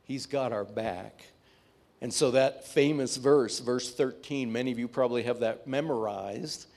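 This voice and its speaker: Give me a male pastor giving a livestreamed sermon, heard through livestream audio, reading scripture aloud and often pausing on "uh". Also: mid-range voice, a little mellow. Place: church sanctuary.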